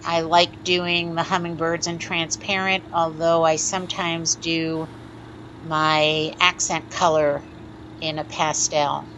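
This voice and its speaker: A woman talks through a hands-on glassworking demonstration in a calm, methodical teaching voice. Her voice sits a little low, and the recording is slightly muffled, with a faint hiss underneath. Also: slow. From United States. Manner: calm, instructive, methodical explanations. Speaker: glass artist teaching a lampworking demo. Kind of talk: step-by-step tutorial narration.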